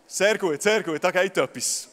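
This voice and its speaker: A young man with a Swiss German accent preaches a sermon to a packed hall. He speaks high and talks straight to his listeners, stumbling over repeated words. His voice rings out with a long hall reverb. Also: moderate pace, fairly bright tone. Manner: stammers on repeated words, addresses crowd directly. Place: large hall with audience.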